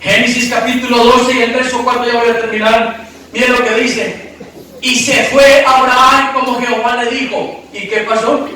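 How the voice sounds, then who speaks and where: A male pastor with a very high voice delivers an emphatic sermon, questioning the congregation and breaking into shouts. He was recorded from a distance in an echoey church hall, with a little hiss or hum.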